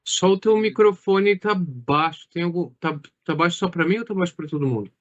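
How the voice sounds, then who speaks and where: A slightly high-voiced man casually moderates a video meeting, prompting others to speak. His audio is muffled like a call. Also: fairly quick. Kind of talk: online meeting talk.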